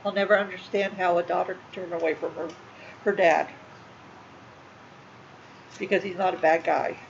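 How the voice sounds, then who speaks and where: A middle-aged woman talks casually to her viewers, halting, repeating herself and sounding emotional. The recording is a little dull and muffled. A faint noise sits underneath her voice. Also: lowish voice, steady tone, creaky. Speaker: channel host. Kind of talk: casual talk to livestream viewers.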